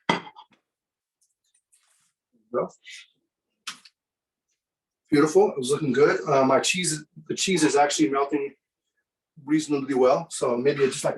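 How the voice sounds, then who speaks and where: A man presenting a live cooking demonstration for students, in a relaxed, chatty way with many fillers. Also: medium pitch, distant mic, a little hiss or hum, rough recording.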